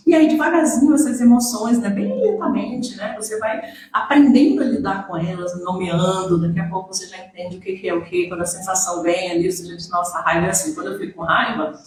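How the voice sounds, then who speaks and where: A woman's voice: mid-range voice, brisk, far from the mic. Brazilian woman teaching in an echoey room. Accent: Brazilian Portuguese. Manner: gentle, questioning, many tag questions. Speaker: emotional healing teacher. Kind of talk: talking to camera about emotions.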